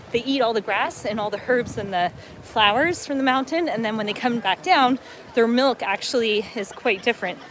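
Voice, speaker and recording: A woman's voice: on the high side, noisy background. A middle-aged woman from upstate New York, hosting a casual livestream on a lakeside waterfront, chatting and reading viewer comments aloud as she walks. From upstate New York, USA. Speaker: travel vlogger hosting a livestream.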